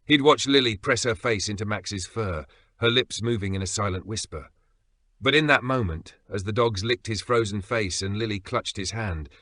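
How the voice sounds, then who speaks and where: A man giving earnest, suspenseful scripted narration of a dramatic story, with dramatic pauses. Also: fairly low pitch, bright, forceful tone, no echo.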